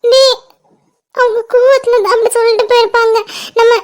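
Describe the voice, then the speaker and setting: Someone doing a super high squeaky cartoon sister, worried and caring, urgent. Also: level tone, brisk. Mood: soothing. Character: young woman, caring younger sister, anxious. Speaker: cartoon character.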